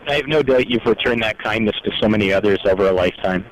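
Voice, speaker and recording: A man's voice: on the low side, fast, slight background noise, poor audio. A man interviewing a guest, asking long, winding, respectful questions.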